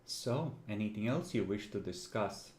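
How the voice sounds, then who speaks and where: A man's voice: on the low side, expressive, normal speed, darkish tone, reverberant, slight background noise. A man running a tabletop role-playing game as game master, narrating conversationally in a teasing, dramatic way.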